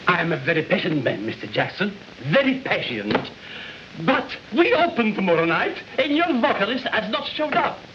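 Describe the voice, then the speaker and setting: An actor playing an impatient nightclub owner with clipped, pointed politeness, in a 1940s film. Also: male voice, sits high, sing-song, normal speed. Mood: stern. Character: impatient, coldly polite male club owner. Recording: muffled 1940s film soundtrack with hiss.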